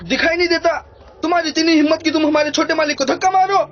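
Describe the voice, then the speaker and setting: A brash henchman who barks orders and jeers at commoners. His voice rides high and loud. The audio is dull and muffled. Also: sing-song, unhurried, full character voice. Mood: bullying. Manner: shouting, jeering, bossy. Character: loud bullying male henchman of a young lord. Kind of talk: Hindi film dub.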